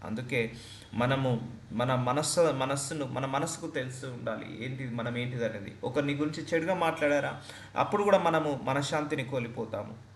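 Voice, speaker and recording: A man's voice: mid-range voice, normal speed, roomy sound, a little hiss or hum. A man preaching a sermon as a pastor, earnest and repetitive for emphasis.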